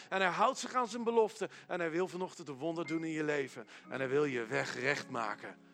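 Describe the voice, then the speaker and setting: A man preaching a sermon in a church hall, swinging between loud calls and hushed quiet lines. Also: high voice. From Netherlands.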